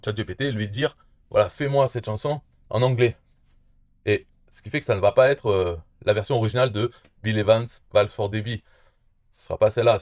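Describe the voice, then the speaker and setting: A man with a fairly low voice walks through a software tutorial in an easygoing, unscripted way. He pauses often, fills gaps with hesitations and restarts his sentences. The sound is dry and close, with no room around it. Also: no echo. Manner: hesitant, many "euh" fillers and restarts. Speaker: tutorial presenter. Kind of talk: casual screen-recorded tutorial.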